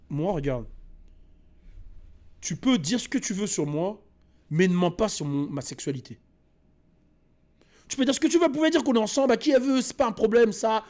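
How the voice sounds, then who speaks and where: A man host telling a personal story in a casual, animated, slangy way, with many restarts and repeats. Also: sits high.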